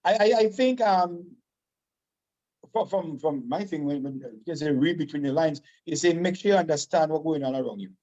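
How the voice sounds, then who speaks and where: A Vincentian man with a notably high, mellow voice talks casually on the radio. He is emphatic and often repeats a phrase to drive it home. The sound is muffled and lo-fi. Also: normal speed. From Saint Vincent and the Grenadines.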